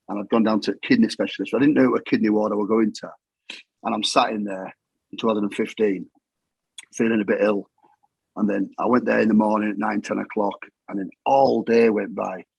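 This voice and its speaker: A man's voice: lowish voice, vocal fry, slightly rough, dry recording, low-quality recording. A middle-aged man with a Yorkshire accent, telling his story in plain-spoken, matter-of-fact talk that often repeats itself. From England. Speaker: guest. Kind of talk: casual storytelling.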